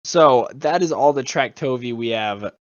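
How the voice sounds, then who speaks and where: Brief: young male co-host, playful, halting banter, dry lo-fi sound. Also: medium pitch, expressive, no echo. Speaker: podcast co-host. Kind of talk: casual chat. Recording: dull lo-fi recording.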